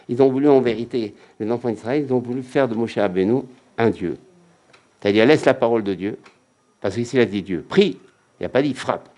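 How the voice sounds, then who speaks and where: A man's voice: mid-range voice, dark tone. A man giving a religious lecture as a rabbi, emphatic and repetitive, often acting out quotes.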